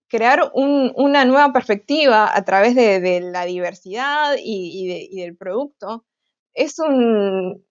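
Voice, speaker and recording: A woman's voice: a little high, no echo. Hesitant woman, dull dry audio. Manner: hesitant, with frequent filler sounds and restarts. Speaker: conference speaker. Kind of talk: online tech conference talk.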